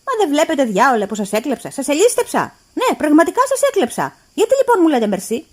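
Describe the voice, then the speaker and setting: Lady doing a bossy stingy boss man, loud and preachy, voice jumping all over. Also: fairly high pitch, very animated. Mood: exasperated. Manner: loud, pointed, lecturing. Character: stingy, mocking male employer, middle-aged.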